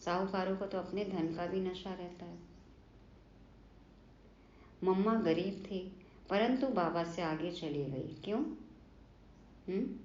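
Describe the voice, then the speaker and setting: A woman's voice: on the low side, slow, pauses often, a little mellow, a little hiss or hum. Woman preaching in a roomy echo. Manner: earnest, poses and answers her own questions, prompts with "haan" and "hmm?". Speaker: spiritual teacher explaining a daily lesson. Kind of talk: devotional sermon. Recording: roomy, slightly dull recording.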